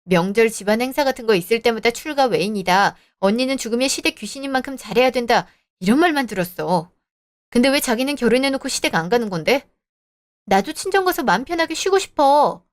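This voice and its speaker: A woman's voice: fairly high pitch, animated, brisk, lightly acted. A woman voicing a young married woman who talks back in cold, cutting retorts, in a scripted audio drama. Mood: aggrieved. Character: young married woman, sharp-tongued, defiant. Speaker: daughter-in-law.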